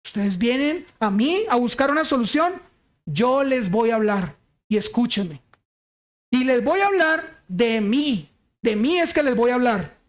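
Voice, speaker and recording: A man's voice: very high voice, big pitch swings, unhurried, heavily acted. A preacher putting on a proud, bossy old king. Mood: commanding. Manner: commanding, self-important. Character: proud boastful ancient king demanding attention.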